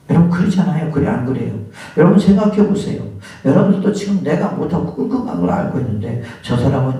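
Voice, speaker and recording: A male pastor with a mellow, medium-pitched voice preaches a sermon in a church sanctuary, posing rhetorical questions to the congregation. He sometimes acts out scolding voices of people in his examples, recorded with a distant mic in a very echoey hall.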